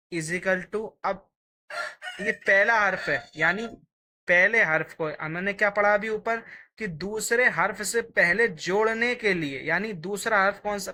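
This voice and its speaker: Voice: medium pitch, bright, forceful tone. A teacher giving a patient, step-by-step Urdu writing lesson, sounding out each letter while writing it.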